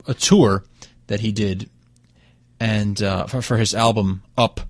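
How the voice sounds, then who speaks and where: A man hosting a music show, introducing songs in a hushed, relaxed way with plenty of fillers. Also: medium pitch, no room sound. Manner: hushed, relaxed, mellow delivery; rambling with frequent fillers. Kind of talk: casual radio-style song introductions.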